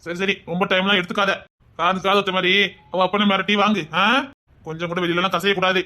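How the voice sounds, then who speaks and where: A man's voice: high voice, steady tone, brisk, sharp tone. An actor voices a greedy middle-aged plotter in a Tamil web drama. He gloats and breaks into laughter as he schemes, with a Tirunelveli accent. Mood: gloating. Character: greedy older male schemer, cackling and crafty.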